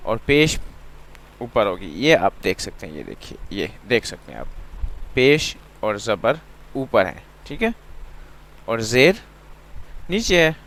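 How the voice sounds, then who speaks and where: Man, Quran reading teacher, unhurried, mid-pitched, patient, repeats sounds, mixes in English. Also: sing-song, a bit bright. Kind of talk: slow step-by-step lesson.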